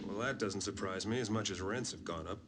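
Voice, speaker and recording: An actor playing a calm, matter-of-fact elevator technician, in a noisy film soundtrack. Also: male voice, fairly low pitch, a little fast, natural voice. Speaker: lift engineer.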